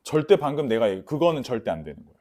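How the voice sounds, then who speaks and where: A man teaching a math lecture emphatically, drilling warnings and checking his students understand, mixing polite speech with rough slang. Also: medium pitch, big pitch swings, racing, dark tone. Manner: repeats key warnings, asks students for confirmation.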